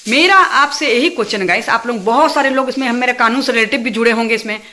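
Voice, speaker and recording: Fast-talking, sharp-voiced woman ranting. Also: on the high side, slight background noise. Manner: talks fast and heated when angry, repeats phrases. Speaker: vlogger addressing her viewers. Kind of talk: angry casual rant to camera.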